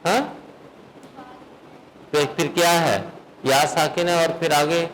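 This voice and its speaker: A man teaching a recitation class, quizzing his students on the rules and chanting verses slowly to show how they are read. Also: on the high side, steady tone, a bit bright, a little hiss or hum, poor audio. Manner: questions students, then chants verses in slow melodic recitation. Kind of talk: classroom lesson.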